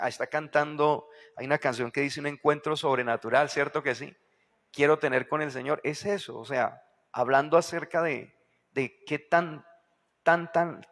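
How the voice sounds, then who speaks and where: Male pastor, sermon, fry-tinged voice, leans on "right?" asides and repetition, echoey hall sound. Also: medium pitch, a bit bright. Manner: constant rhetorical questions to the congregation; repeats key phrases with emphasis.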